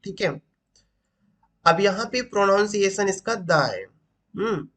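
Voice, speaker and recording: A man with a high, expressive, slightly bright voice teaches an English grammar lesson at a measured pace. He asks rhetorical questions, repeats each point as he explains, and often says "ठीक".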